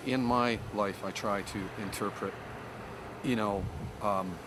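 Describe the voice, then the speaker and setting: Man, low pitch, philosophical and earnest personal talk, clear traffic noise behind. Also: fairly even intonation, slow pace. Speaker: harp player.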